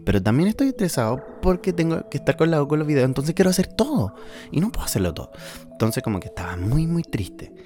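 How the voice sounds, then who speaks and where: A man's voice: on the low side, dark tone. A man in his early twenties with a Chilean accent, talking candidly and emotionally about stress and anxiety in a casual podcast monologue, with faint music behind him. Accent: Chilean Spanish. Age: 20s. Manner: candid, emotional, swings between laughing and tearful. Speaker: podcast host.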